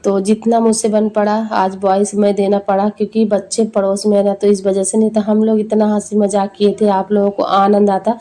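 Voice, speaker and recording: Young woman doing a vlog voice-over, slow and halting, a bit breathless, flat mellow tone. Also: medium pitch. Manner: slow, halting, searching for words. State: short of breath when talking at length. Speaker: family vlogger. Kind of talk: casual voice-over narration.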